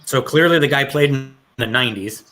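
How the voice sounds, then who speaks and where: A man's voice: mid-range voice, fairly quick, sharp tone. A man hosting a casual trivia podcast over a call, reading clues aloud and laughing easily. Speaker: trivia quiz host.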